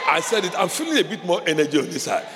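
A pastor preaching a sermon with passion, repeating phrases and leading the congregation in call-and-response. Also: male voice, fairly high pitch, very animated, very fast, over a noisy crowd. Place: church hall. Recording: reverberant hall with faint background noise.

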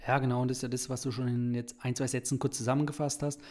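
A man hosting a podcast, talking in a calm, measured way and asking his guest questions. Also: medium pitch. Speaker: podcast host. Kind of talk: casual podcast conversation.

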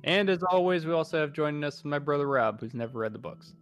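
A man's voice: a little high, lively intonation, fast, clean tone, faint music behind. A man hosting a podcast in casual chat, playful, laughing a lot and slipping into mock announcer bits. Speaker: podcast host.

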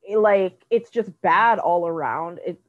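A woman's voice: lowish voice, measured pace. A young woman co-hosting a podcast, chatting in rambling bursts and readily agreeing. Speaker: podcast co-host. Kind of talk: casual chat. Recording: slightly dull, lo-fi sound.

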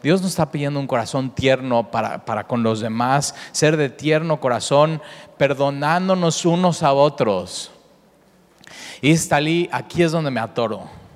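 In a church sanctuary, a pastor preaches at an ordinary pitch and a measured pace. He's earnest and repetitive, often stopping to rephrase with "o sea" and circling back to a point. A long hall reverb trails after each phrase.

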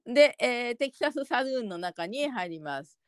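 A woman's voice: a little high, lively intonation, moderate pace, clean tone, dry recording. A woman co-hosting a casual podcast about a TV show, chatty and explanatory, laughing often. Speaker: podcast co-host.

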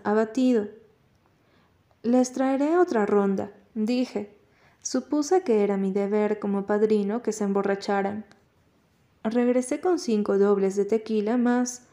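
A woman narrating an audiobook in a calm, measured reading. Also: mid-range voice.

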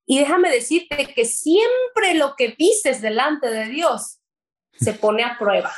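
A woman's voice: sits high, expressive, slow, low-quality recording. Earnest Mexican woman giving her testimony. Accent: Mexican Spanish. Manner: earnest and emotional, with hesitations. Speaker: guest sharing her testimony. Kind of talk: personal faith testimony.

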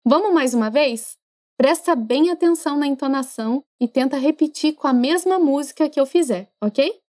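A woman with a high voice gives a podcast French lesson. She is chatty and encouraging, and she slows down to model how phrases should sound. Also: darkish tone. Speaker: French teacher.

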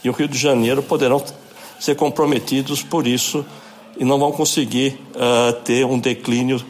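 A man, an epidemiologist being interviewed, explaining in a measured way with occasional thinking pauses. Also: medium pitch, level tone, slight background noise. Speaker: epidemiologist guest. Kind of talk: expert interview answers.

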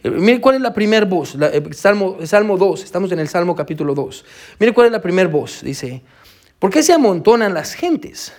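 A young man preaching a sermon to his congregation, halting with fillers and repeated words and often saying amen. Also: high-pitched, expressive, darkish tone. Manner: addresses the congregation as brother and sisters.

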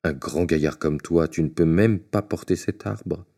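A man's voice: low voice, unhurried, mellow. A man reading aloud, voicing a cocky, boastful little tailor in a storybook tale.

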